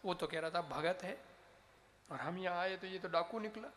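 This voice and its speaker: A calm, kindly saint, voiced by a man. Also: high-pitched, moderate pace. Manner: calm, patient, coaxing. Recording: reverberant hall, faint noise.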